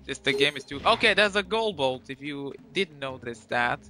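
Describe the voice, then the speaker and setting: A man co-commentating a video game in casual banter, excitable and teasing. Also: a little high, moderate pace. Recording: game music behind. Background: video game music.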